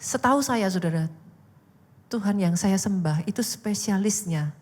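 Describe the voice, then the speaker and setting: A woman pastor preaching an animated sermon, rising into loud exhortation, in a church. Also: medium pitch, moderate pace. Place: church hall. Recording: echoey church hall.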